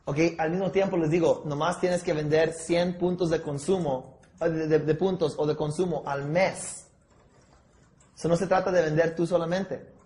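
A high-voiced man runs a sales training session, walking his group through objections and switching into English words mid-sentence. His voice bounces around an echoey room. He keeps up an energetic, coaching push. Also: normal speed. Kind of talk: sales training talk with role-play.

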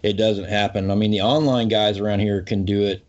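Low-voiced easygoing man, muffled. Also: fairly even intonation, a little fast. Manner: easygoing, enthusiastic, says "you know" often. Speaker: co-host of fishing show. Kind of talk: casual podcast chat. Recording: muffled lo-fi audio.

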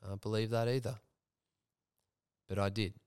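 Young man, podcast host, frank and sweary, smooth resonant tone, low pitch. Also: fairly even intonation, normal speed, a little mellow, no room sound, clean studio sound. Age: young adult. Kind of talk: candid personal storytelling.

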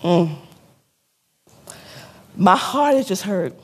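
Husky-voiced woman pastor preaching. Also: medium pitch, big pitch swings, very slow, long reverb tail. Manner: preaching with call-and-response questions and repetition; drops to a soft, hushed tone when telling a sad story. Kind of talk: sermon.

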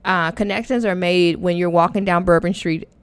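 A woman's voice: on the low side, fairly even intonation, moderate pace, clear, resonant tone. A woman speaking casually as a podcast guest, thinking aloud in an informal, conversational way. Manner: informal, thinks aloud with repeated "you know" and "like". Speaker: podcast guest, photography educator and conference founder.

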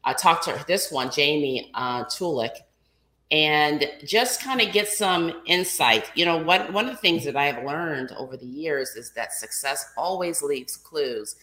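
Low, bright-voiced woman hosting a podcast. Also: expressive, measured pace, roomy sound, low-quality recording. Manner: effusive and enthusiastic. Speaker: podcast host. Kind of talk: casual interview chat.

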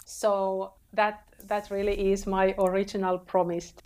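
A woman's voice: medium pitch, level tone, a little mellow. A woman from Finland, a podcast guest sharing her faith story in earnest conversation. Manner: earnest, unhurried, with frequent fillers and restarts.

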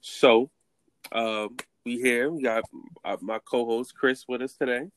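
A man's voice: medium pitch, fairly even intonation, a little slow, a bit bright, rough recording. A man with a congested, nasal voice hosting a podcast in a casual, slangy way. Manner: informal street slang. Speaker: podcast host.

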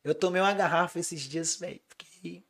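A man with a high voice speaks as a guest in a casual chat. His delivery is informal and full of slang, like a musician talking shop among friends. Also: steady tone, normal speed, gravelly, fairly bright tone.

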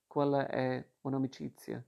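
A man reading the lines of a shy young stepmother from a novel, in a slow, flat, gravelly voice. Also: mid-range voice. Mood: questioning. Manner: plain, barely changed reading voice. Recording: dull lo-fi recording.

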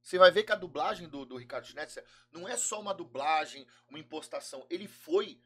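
A Brazilian man speaks as a guest on a casual podcast, in a Brazilian Portuguese accent. He talks quickly and with a bright, forceful tone, and he explains his points at length with real enthusiasm. His voice sits a little higher than most men's. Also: animated.

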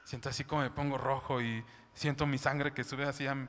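A man's voice: mid-range voice, level tone, a little fast, fairly bright tone. A man preaching a sermon, talking in a chatty way and often asking "¿no?". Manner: conversational, keeps asking "¿no?" and "¿sabes?". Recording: long hall reverb.

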